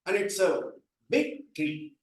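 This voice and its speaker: A man's voice: high-pitched, expressive, slow. Echoey man teaching gestures. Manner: explains patiently, calls up volunteers. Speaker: workshop presenter. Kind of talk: interactive speaking workshop. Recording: echoey hall, mic from far off.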